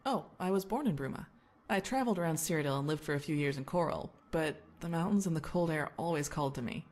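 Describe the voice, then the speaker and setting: A woman voicing a young mage in a game, calm and reflective as she talks. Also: sits low, fast. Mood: wistful. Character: young female mage, wistful and earnest. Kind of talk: game voice acting.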